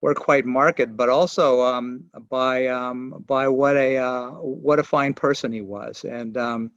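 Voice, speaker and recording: Halting and frequently starting over, a sixties-aged professor of archaeology and geography offers memorial remarks on a remote video call. His mid-range voice is fairly even, with no room sound, though the call audio is dull and lo-fi.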